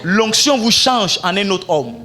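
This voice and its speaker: A man delivers a sermon as pastor, his voice pitched high and ringing bright. He swings into shouts and sung phrases as he preaches. Faint music sits behind him. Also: expressive, measured pace.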